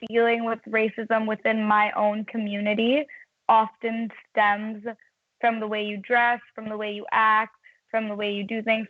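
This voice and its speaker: Over a tinny phone line, a woman from India speaks earnestly as a guest in a casual conversation. English isn't her first language, and her voice is a little high with no echo.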